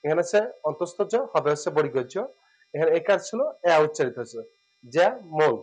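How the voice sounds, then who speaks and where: A man giving a spoken lesson, explaining step by step and repeating words slowly and drawn out. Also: on the high side, animated, a little mellow, rough recording. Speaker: teacher.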